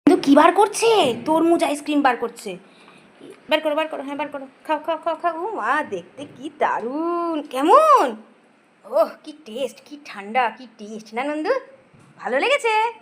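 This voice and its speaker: A woman's voice: sits high, sing-song, normal speed. A woman talking to her toddler in playful, coaxing baby talk, teasing and singing. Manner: sing-song, coaxing and teasing. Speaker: vlogger talking to her child.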